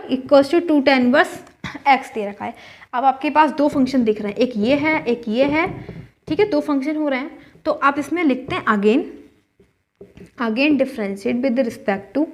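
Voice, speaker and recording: High-voiced woman teaching math patiently. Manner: patient, checks in often with "theek hai". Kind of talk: explaining a math solution step by step.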